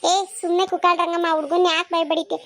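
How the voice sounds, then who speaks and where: A woman voicing a busy village farm woman in a cartoon, speaking briskly. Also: extremely high pitch, flat delivery, fairly bright tone. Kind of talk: cartoon voice acting.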